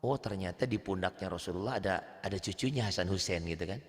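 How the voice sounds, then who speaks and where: A man's voice: fast, big-room sound. A man with an Indonesian accent teaching Quran reading one-on-one, patiently explaining recitation rules. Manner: patient, explains rules then chants verses high to demonstrate.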